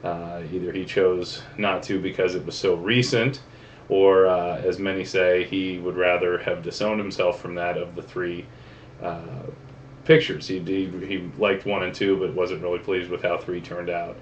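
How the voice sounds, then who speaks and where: A man with a very low voice chats casually in a folksy, rambling vlog, filling his pauses with "uh." The sound is dull and lo-fi, with a faint hum underneath. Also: flat delivery. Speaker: movie vlogger. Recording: dull, lo-fi webcam audio with faint background hum.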